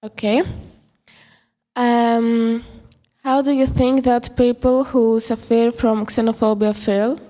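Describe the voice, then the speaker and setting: A woman's voice: on the high side, flat delivery, takes it slowly, mellow, in a large hall. A teenage girl from Greece, reading interview questions hesitantly with many fillers. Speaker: student interviewer. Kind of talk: scripted school podcast questions.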